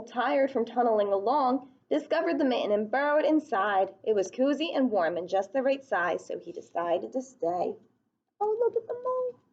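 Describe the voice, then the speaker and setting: A woman with a fairly high voice reads a picture book aloud to young children, expressive and child-directed, stopping to ask her listeners chatty questions. The recording sounds slightly dull and lo-fi.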